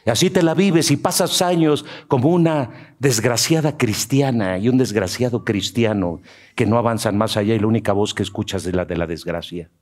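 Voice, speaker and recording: A man preaching a sermon as pastor. He swings between low, slow stretches and loud, high-pitched emphasis, with joking asides.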